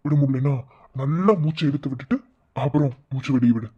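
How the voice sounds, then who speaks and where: A man's voice: mid-range voice, quick pace, breathy edge, muffled recording, close to an everyday voice. A man voicing a young son-in-law in a cartoon, soothing and reassuring but firm when he has to be. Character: young son-in-law, calm and protective, stern when needed. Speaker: son-in-law comforting the family.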